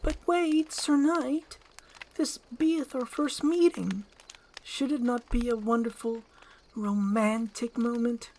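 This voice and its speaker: A woman's voice: a little high, takes it slowly, a little mellow, voice pushed up, low-quality recording. A woman voicing a young, romantic, demanding fairy-tale princess with theatrical, formal storybook speech. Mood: grand, romantic.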